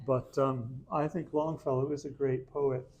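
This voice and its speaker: In a room of a historic house, a man gives a literature lecture to a small live audience. He talks conversationally and self-deprecatingly, often restarting, in a medium-pitched, flat, unhurried voice with a darkish tone.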